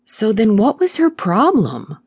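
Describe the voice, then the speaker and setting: A woman narrating a contemporary romance audiobook in a measured, expressive storytelling voice. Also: on the high side, vocal fry, slightly rough, no echo, studio quality.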